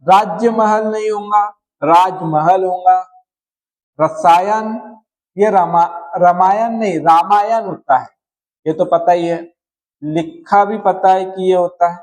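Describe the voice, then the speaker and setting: Man, grammar teacher, unhurried, higher voice, word-by-word explanations, frequent check-ins. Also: fairly even intonation, darkish tone, poor audio. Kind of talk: slow spelling-correction lesson.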